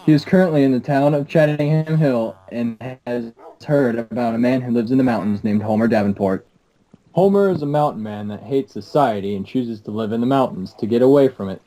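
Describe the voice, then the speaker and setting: A man narrating a story in a plain, steady read-aloud manner. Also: medium pitch, fairly quick, poor audio. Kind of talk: scripted narration.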